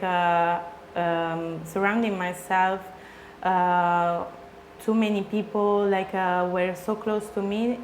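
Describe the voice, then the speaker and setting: A woman from Spain, a DJ guest answering interview questions in halting English with many fillers. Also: fairly low pitch. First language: Spanish or Italian. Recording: echoey room, faint noise.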